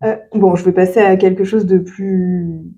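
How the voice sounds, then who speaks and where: A woman's voice: on the low side, fairly even intonation, moderate pace, warm tone, dull audio. A woman interviewing a guest in a casual way, with hesitant fillers as she asks her questions. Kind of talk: interview conversation.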